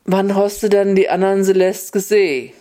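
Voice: mid-range voice, fairly even intonation, normal speed, warm tone, pitched above the performer's own voice, lightly acted. Storyteller as a stern official woman, scolding, plain everyday voice.

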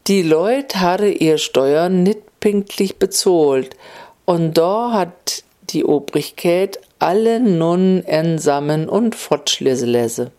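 A woman telling a folk tale in Upper Hessian dialect, in a homely, unhurried way. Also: lowish voice, mellow. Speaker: storyteller.

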